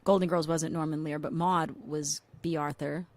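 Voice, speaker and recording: A woman's voice: low-pitched, fairly even intonation, normal speed, no room sound. A woman co-hosting a podcast in casual chat, rambling with many restarts and fillers. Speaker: podcast co-host.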